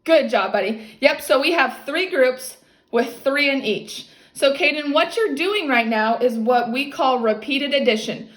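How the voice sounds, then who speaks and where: A woman's voice: high-pitched, animated, a little slow. A woman tutoring a child one-on-one, explaining step by step in an encouraging way and often checking for understanding. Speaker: maths teacher tutoring a child. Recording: echoey, roomy sound.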